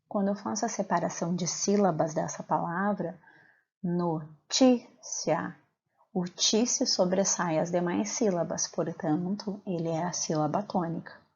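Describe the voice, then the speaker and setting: A woman's voice: medium pitch, vocal fry, a little mellow, breathy edge, highs cut off. A woman teacher with a Brazilian Portuguese accent, explaining a recorded lesson patiently and asking her pupils questions.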